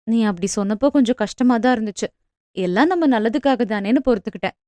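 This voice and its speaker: A woman voicing a bold young village woman in a storybook romance, coaxing and quick as she lays out her plans. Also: fairly high pitch, dry recording, studio quality, lightly acted. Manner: lively, coaxing, quick when explaining plans.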